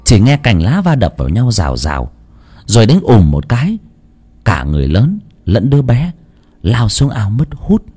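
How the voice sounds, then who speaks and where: Lively low-voiced male ghost-story narrator. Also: normal speed, husky. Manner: dramatic, expressive storytelling.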